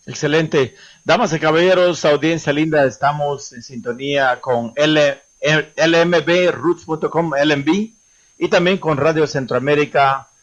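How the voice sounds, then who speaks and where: A man's voice: on the high side, a little slow, highs cut off. A man hosting a radio show, introducing the language class in a formal announcer manner.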